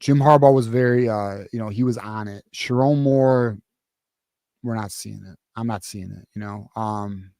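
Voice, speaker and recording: A man's voice: on the low side, moderate pace, warm tone, no echo, studio quality. A man hosting a postgame sports talk show, ranting casually with profanity and frequent restarts. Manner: profane, heated, rambling with many restarts. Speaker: podcast host.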